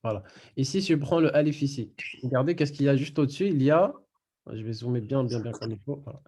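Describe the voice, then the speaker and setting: Online, a man leads a Quran recitation lesson with a warm, medium-pitched voice. He explains things patiently one step at a time and says words again slowly.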